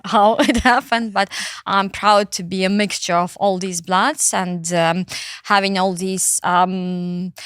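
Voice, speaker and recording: A woman's voice: mid-range voice, a bit bright, smooth, dry recording, clean studio sound. A middle-aged woman from Western Ukraine, a charity founder speaking in a podcast interview, thoughtful, with many fillers and restarts.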